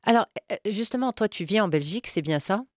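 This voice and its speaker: A woman's voice: medium pitch, animated, fast, no echo, studio quality. A woman interviewer asking long, searching questions and often repeating words as she builds them.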